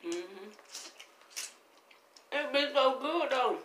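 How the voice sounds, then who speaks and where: A woman in a relaxed eating vlog speaks with her mouth full of corn, her words mushy and slangy. The room around her rings with echo, and a faint hiss sits under the voice. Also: high voice, very slow. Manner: relaxed, slangy, chatting between bites. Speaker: mukbang vlogger. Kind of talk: casual eating chat.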